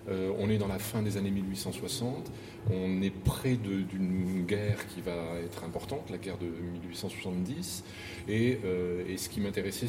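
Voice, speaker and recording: A middle-aged man directs opera and answers questions with careful, halting phrasing. His voice sits very low. He sounds distant from the mic, in a roomy space with a noticeable hiss behind him. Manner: thoughtful, searching for words with many restarts. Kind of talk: interview answers.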